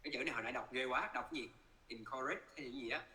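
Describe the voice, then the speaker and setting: A man with a Vietnamese accent coaching English pronunciation, repeating words slowly and switching between Vietnamese and English. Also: medium pitch, pushed and bright, low-quality recording. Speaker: English teacher.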